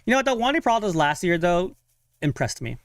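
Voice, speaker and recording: A young man talks casually to his live-stream viewers with a lively, animated voice that swings widely in pitch. His pitch sits a little above average for a man. The sound is close and dry, with no room echo. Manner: chatty, self-talking, sighs of frustration and quick laughs. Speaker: fan streamer watching a live game.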